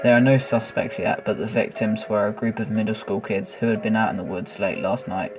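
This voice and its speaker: A man's voice: on the low side, steady tone, fairly quick, music in the background, close to an everyday voice, poor audio. A man voicing a male TV news reporter who announces a crime in a formal tone. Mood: announcing.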